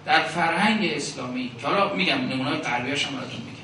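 A man, a seminary cleric, preaches a sermon at a religious gathering. He builds long rhetorical lists with pauses and recites verse and Arabic phrases. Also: mid-range voice, sharp tone, a little hiss or hum. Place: religious gathering in a large echoing hall. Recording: very echoey hall recording from a distance.

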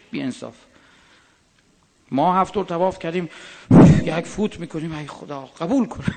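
A man preaching a religious sermon, reciting verses in a slow drawn-out chant and turning to the audience with conversational asides. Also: fairly high pitch, creaky. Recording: long hall reverb.

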